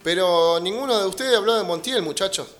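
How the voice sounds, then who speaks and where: A man with a high voice and an Argentine accent hosts a casual radio talk show. He speaks bluntly and emphatically, with plenty of slang. Faint music plays behind him. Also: fairly quick, fairly bright tone. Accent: Argentine Spanish.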